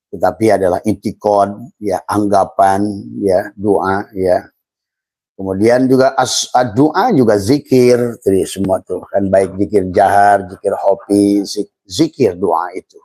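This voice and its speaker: A middle-aged man giving an informal religious lecture, speaking in a slow, halting way with many fillers and repeated words, calling his listeners friends and referring to himself in the third person. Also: lowish voice, darkish tone, no echo. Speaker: Islamic mysticism teacher.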